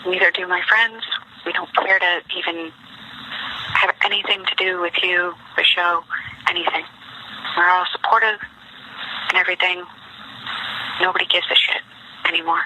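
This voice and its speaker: This is a noisy, lo-fi voicemail played over speakers, in which a woman rambles and repeats herself in an aggrieved, accusatory way. Her fairly low voice keeps a steady tone at a moderate pace, with frequent pauses.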